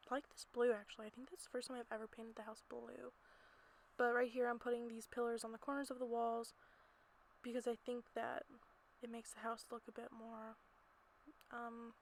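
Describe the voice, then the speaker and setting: A woman with a fairly high voice chats and giggles through loose voiceover commentary on her gameplay footage. She's an amateur creator recording in a small home closet, and the recording is rough with noticeable background noise.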